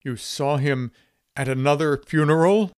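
A man's voice: on the high side, unhurried, darkish tone, clear, resonant tone, no echo, clean studio sound, voice pushed up, lightly acted. A man voicing a young, anxious funeral home receptionist who sounds sad and eager to please, in a storybook reading. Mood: nervous.

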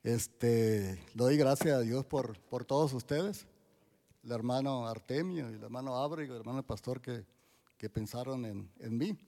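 A man, giving a church testimony in a halting way, full of restarts and fillers. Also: mid-range voice, vocal fry, dark tone. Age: 60s.

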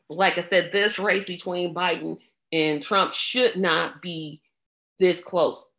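A woman with a scratchy throat commenting on an election in a casual, blunt way. She speaks very slowly, with a somewhat low voice. She sounds exasperated and leans on filler ums between thoughts. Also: fairly bright tone. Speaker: political commentator.

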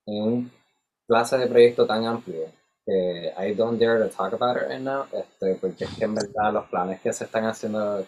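A man with a husky voice tells stories casually in Spanglish, switching between Spanish and English and acting out dialogue. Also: on the low side, poor audio. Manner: animated filler-heavy storytelling with re-enacted dialogue. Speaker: musician in a band.

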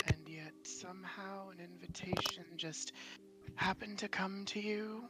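A woman voicing a cold, patient vampire interrogator in whispered role-play, asking slow, probing questions. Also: medium pitch, steady tone, over loud music, close to an everyday voice. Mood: menacing.

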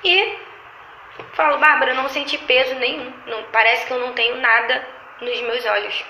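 A woman in casual chat, telling animated stories about her lash clients and acting out their lines. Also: sits high, normal speed, background noise. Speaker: lash artist. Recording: echoey room.

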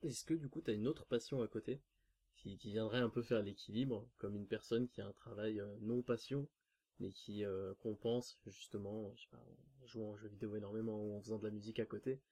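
A man's voice: lowish voice, fairly even intonation, a little fast, mellow. A man interviewing a guest, asking long rambling questions and searching for his words.

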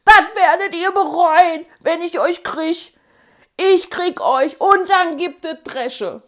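A woman's voice: very high-pitched, slow pace, pitched above the performer's own voice, heavily acted. Woman doing a howling boy bully. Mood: furious wailing. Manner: shouting and wailing. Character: fat blubbering boy bully, threatening.

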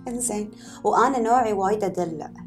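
A woman with a Gulf Arabic accent, a photographer guest telling her stories in a casual, animated podcast chat. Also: mid-range voice, fast talker, faint music behind. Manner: animated storyteller, laughs often. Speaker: guest, wedding and event photographer.

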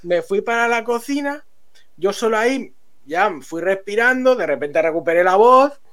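High-voiced man telling a story. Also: normal speed. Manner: animated, laughs often while telling a story. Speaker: streamer. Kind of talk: casual storytelling to friends.

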